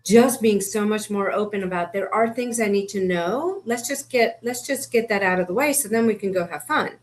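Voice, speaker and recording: A woman's voice: medium pitch, moderate pace. A woman who coaches people with horses, speaking earnestly and affirming her partner in a casual interview.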